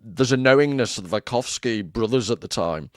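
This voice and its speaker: A man's voice: mid-range voice, animated, a little fast, no room sound. Playful man, dry close mic. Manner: playful, self-mocking, laughs often. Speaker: podcast co-host. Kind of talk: casual conversation.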